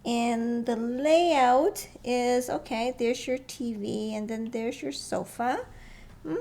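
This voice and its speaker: A woman with a fairly high voice talks through floor plans in a loose, conversational way. She thinks aloud with frequent pauses and small chuckles. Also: vocal fry, dark tone. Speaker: real estate vlogger. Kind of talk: casual walkthrough commentary.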